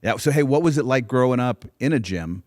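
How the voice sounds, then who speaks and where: A man's voice: medium pitch, lively intonation, brisk, a little mellow, no echo, clean studio sound. A man hosting a boxing interview show, asking rambling questions full of fillers and "right?" tags. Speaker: podcast host. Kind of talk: casual interview chat.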